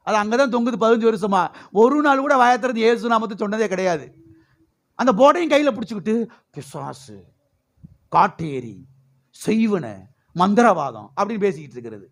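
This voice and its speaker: A middle-aged man with a Tamil Nadu Tamil accent preaching a sermon as pastor, using call-and-response and repeating phrases for the congregation. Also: high-pitched.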